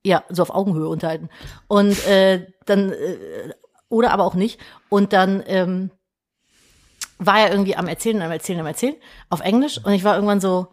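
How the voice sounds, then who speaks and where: A woman's voice: mid-range voice, a little fast. A woman in her thirties, co-hosting a casual podcast and telling a story with lots of quoted dialogue and fillers. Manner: animated retelling with quoted dialogue, many fillers. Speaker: podcast co-host.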